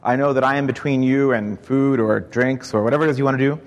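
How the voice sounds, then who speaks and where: A man's voice: medium pitch, steady tone, fast, muffled recording. Upbeat man speaking in a reverberant hall. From Egypt. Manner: upbeat, engaging, quizzes the audience. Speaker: conference speaker. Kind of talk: keynote talk on stage. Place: large hall. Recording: reverberant hall, live event.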